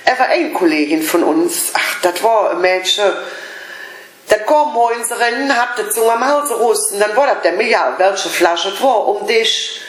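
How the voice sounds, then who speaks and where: A woman telling a lively anecdote from her working life, slowing down on words she wants to stress. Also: mid-range voice. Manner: lively, slows down for emphasis. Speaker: storyteller. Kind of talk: casual anecdote. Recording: roomy echo.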